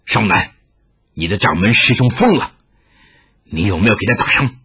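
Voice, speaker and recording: A man voicing a stern older Taoist elder who speaks low and commanding. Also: lively intonation, normal speed, pushed and bright, slightly rough, muffled recording, heavily acted. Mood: grave.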